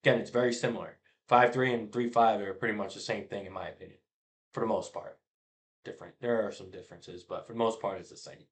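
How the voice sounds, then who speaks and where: A middle-aged man, a youth football coach, casually explaining blitz schemes over a diagram, often trailing off quietly at the ends of phrases. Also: lowish voice, fairly even intonation, fast talker.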